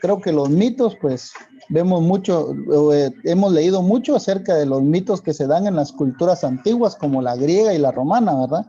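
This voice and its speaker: A male teacher with a Guatemalan Spanish accent, explaining a lesson slowly and checking in with rhetorical questions. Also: fairly high pitch, animated, dark tone, husky, dull audio, faint music behind. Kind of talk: classroom lesson for video.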